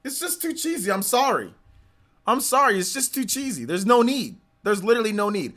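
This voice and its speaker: Streamer, male, forties: bright, sharp-edged voice, ranting and repetitive, exasperated live reaction. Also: sits high, sing-song, brisk. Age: 40s. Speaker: livestreamer.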